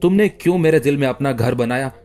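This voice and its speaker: Man voicing a heartsick young lover, pleading, mid-pitched, storybook reading. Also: brisk, a little mellow, soft background music, natural voice. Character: young man, lovesick and anguished.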